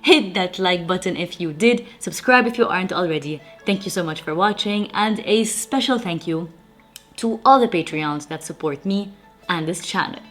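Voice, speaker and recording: A woman's voice: on the low side, normal speed, fairly bright tone, faint music behind. A young woman, hosting a home cooking vlog in a playful, chatty way and talking straight to her viewers. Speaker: cooking channel host. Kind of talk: casual recipe vlog narration.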